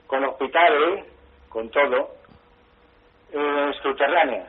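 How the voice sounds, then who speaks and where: A man's voice: fairly high pitch, husky. Nervous man calling in over the phone. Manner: halting, apologetic questioning. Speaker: radio show caller. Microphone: telephone. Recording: tinny phone line.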